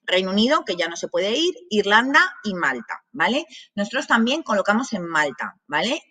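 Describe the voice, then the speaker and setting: A woman from Spain leads an informal masterclass, her voice bright and clear. She talks in loose, restarting sentences. She keeps checking in with her listeners as she goes. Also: mid-range voice, big pitch swings, normal speed. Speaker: presenter of a work abroad programme masterclass. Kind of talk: informal spoken presentation.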